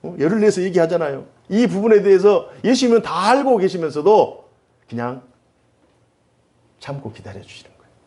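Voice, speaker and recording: Korean pastor preaching, voice swings up and down a lot, kinda high, mellow tone. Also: male voice, normal speed, long pauses. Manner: animated, rhetorical questions and fillers. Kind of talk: sermon.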